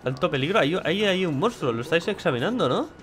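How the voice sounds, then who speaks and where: A man's voice: a little high, expressive, fast talker. A young man, commentating his gameplay casually, joking and swearing. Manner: chatty and joking, swears a lot. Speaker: gameplay streamer.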